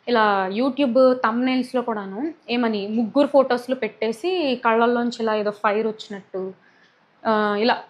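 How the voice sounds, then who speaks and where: Young woman vlogging, upset and indignant, high voice, english words mixed in. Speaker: YouTuber. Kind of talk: talking to camera, personal statement.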